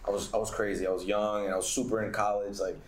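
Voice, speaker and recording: A man's voice: fairly low pitch, little pitch movement, fast talker. A young man in a casual group discussion, telling a story emphatically with many restarts. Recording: echoey room with faint background noise.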